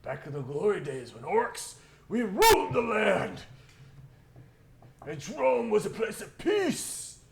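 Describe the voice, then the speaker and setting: A rowdy, proud orc warrior bellows and boasts in a loud, raised voice, put on by a man running the game. The voice sits well above his own. It sounds roomy, with a rumble behind. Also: very animated, takes it slowly, creaky, exaggerated voice.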